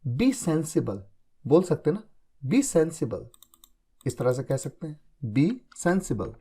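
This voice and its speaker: A man's voice: a little high, sing-song, dark tone, husky. A man teaching spoken English, explaining each example patiently and checking that his students follow. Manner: explains patiently, checks understanding with repeated confirmations; reads English examples slowly and deliberately. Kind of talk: spoken English lesson in Hindi.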